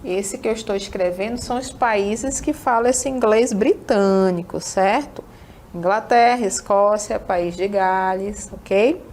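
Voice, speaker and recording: In a recorded classroom lesson, a woman with a northern Brazilian Amazonas accent teaches English, often checking understanding with tag questions. Her medium voice is measured and a little mellow, with faint hiss or hum.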